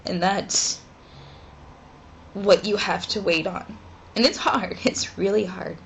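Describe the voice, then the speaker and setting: A woman in her twenties talking haltingly and emotionally in a personal vlog from her dorm room, with pauses and sighs. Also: mid-range voice, gravelly, slight background noise, low-quality recording. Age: 20s. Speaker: vlogger.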